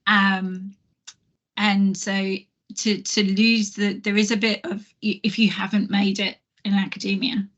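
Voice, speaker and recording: A woman speaking on a podcast panel in a thoughtful, earnest way, often pausing and restarting her sentences. Her voice sits at a middle pitch with a fairly flat, even melody. The recording sounds somewhat dull and lo-fi. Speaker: panel guest, physics alumna. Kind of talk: panel discussion.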